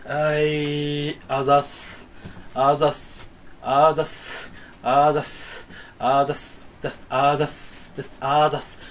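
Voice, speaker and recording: A man's voice: fairly high pitch, monotone, measured pace, slight background noise. A young man chatting alone to the camera while standing in a room at home. He rambles, fools around and teases himself. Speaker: YouTuber. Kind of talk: solo casual chat to camera.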